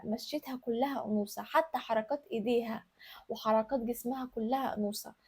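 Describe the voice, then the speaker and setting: A woman's voice: a little high, warm tone, breathy edge. A woman with an Egyptian accent hosting an advice video, speaking straight to the viewer in an emphatic, coaxing way. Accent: Egyptian Arabic. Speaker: lifestyle and femininity advice host. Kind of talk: direct-to-camera advice talk.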